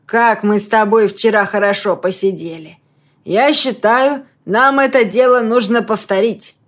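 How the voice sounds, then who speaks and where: A woman putting on a hoarse boozy neighbor man. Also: mid-range voice, a little slow, natural voice. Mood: hearty. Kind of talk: audiobook reading.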